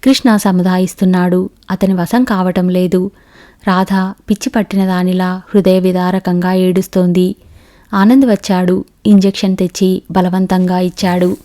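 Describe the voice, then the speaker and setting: A woman narrating an audiobook novel in a steady, even storytelling manner. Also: fairly low pitch.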